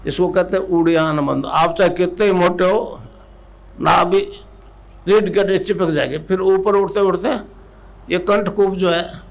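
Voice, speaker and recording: A man's voice: high-pitched, poor audio. An older man, a spiritual teacher giving a discourse to a live gathering, explaining with repetition and chanting mantras rhythmically. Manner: explains with repetition and questions to the crowd.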